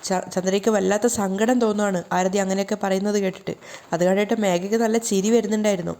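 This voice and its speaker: Fast-talking woman with a mellow voice. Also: medium pitch, steady tone. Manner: brisk reading with stumbled restarts. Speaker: serial recap narrator. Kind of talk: dramatic story recap narration.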